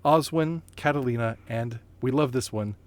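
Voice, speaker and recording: A man's voice: medium pitch, moderate pace, no room sound. A man hosting a podcast in a casual chatty way, full of fillers, restarts and playful asides. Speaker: podcast host.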